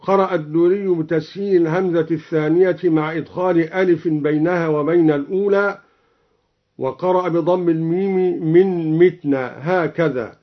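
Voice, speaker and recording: A man's voice: a little high, normal speed. A man teaching how verses are recited, explaining each variant plainly and then chanting the verse as an example. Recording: dull lo-fi radio broadcast.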